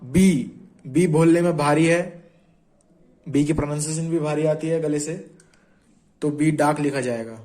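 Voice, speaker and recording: Young male tutor, slightly high voice, repeats each sound and quizzes the learner, casual lesson. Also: unhurried, pauses often, mellow, low-quality recording. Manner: explains patiently, repeats sounds and quizzes the viewer. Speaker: shorthand teacher. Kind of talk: informal classroom-style tutorial.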